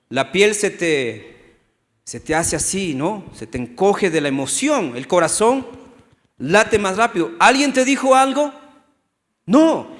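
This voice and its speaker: Middle-aged male pastor, higher voice, lively and questioning delivery, church reverb. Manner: animated, asks the congregation questions, acts out quotes. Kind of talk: sermon. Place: church hall. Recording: long hall reverb.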